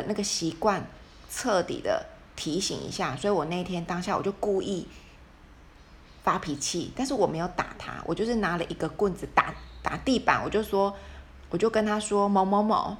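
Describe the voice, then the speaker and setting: A woman's voice: mid-range voice, slight background noise. A mother telling a parenting story in casual conversation, acting out quoted dialogue and often restarting her sentences. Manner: retells scenes with quoted dialogue, frequent restarts. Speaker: mother sharing parenting experience.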